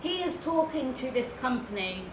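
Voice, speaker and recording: A woman telling a casual storytime rant in an animated, dramatic way, acting out what people said. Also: high voice, normal speed. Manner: animated, dramatic retelling with acted-out quotes. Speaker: storyteller in a two-person story time. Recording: roomy echo, faint background noise.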